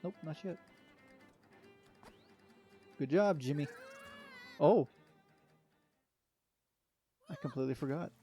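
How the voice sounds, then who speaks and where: Easygoing young man, mellow voice. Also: fairly high pitch, takes it slowly, long pauses, faint music behind. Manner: rambling, easygoing, many fillers and restarts. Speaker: let's play commentator. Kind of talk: casual solo gameplay commentary.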